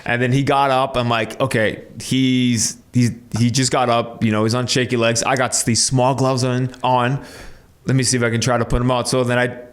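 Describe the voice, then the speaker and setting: A young man from Canada, a boxer, chatting easily as a podcast guest. His voice sits at an ordinary middle pitch, and he tells his stories in loose runs broken up by fillers and quick laughs. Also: smooth. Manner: relaxed storytelling, frequent fillers and laughs. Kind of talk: casual interview.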